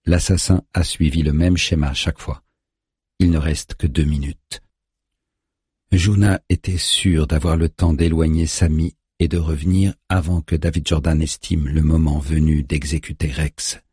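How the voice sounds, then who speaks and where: A man reads a thriller audiobook in a steady, tense voice. His tone is very deep and rough, almost raspy, and it sounds close and dry with no room around it. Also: normal speed, dry recording. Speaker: audiobook narrator. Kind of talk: scripted thriller narration.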